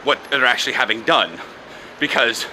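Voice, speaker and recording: A young American vlogger chats and rambles casually, laughing often, while filming with a handheld camera on city streets and in a car. His mid-range voice is bright and forceful at normal speed. The recording is rough, with traffic noise clearly audible outdoors.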